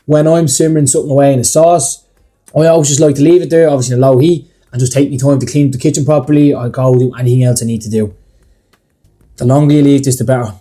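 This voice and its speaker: A man's voice: medium pitch, fairly even intonation, fast, warm tone, soft background music. A young Irish man hosting his own cooking channel, talking through a recipe in a casual, blunt, chatty way. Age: young adult. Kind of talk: scripted cooking voice-over.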